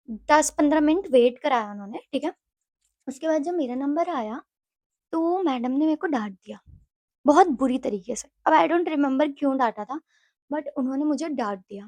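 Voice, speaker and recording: A chatty young woman from Delhi tells an animated storytime in a high, bright-toned voice. She switches freely between Hindi and English and keeps checking in with her viewers. The recording is close and dry. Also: no echo. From Delhi, India. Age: young adult. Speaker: vlogger. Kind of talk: casual storytime.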